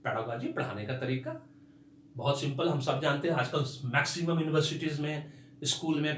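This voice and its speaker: A man's voice: fairly high pitch, a bit bright, echoey room. A man teaching English vocabulary and pronunciation, stretching out each new word and spelling words out letter by letter.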